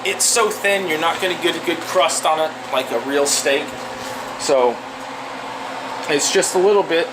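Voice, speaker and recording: A laid-back American man, an amateur cooking vlogger, talks candidly to camera while cooking in a small home kitchen. His slightly high voice is unhurried with frequent pauses, caught by a camera a step or two away in a roomy, echoing space with a noisy hum.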